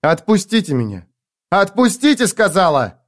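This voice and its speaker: A woman's voice: deep voice, big pitch swings, brisk, voice pushed up. A man voicing a fierce young street girl who screams insults in a furious, spitting way. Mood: accusing shouts.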